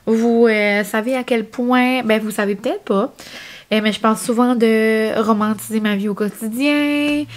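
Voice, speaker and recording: A young vlogger with an Acadian French accent chats casually, rambling and filling her speech with lots of "genre, comme." Her voice is a little high and steady, and she talks a bit slowly.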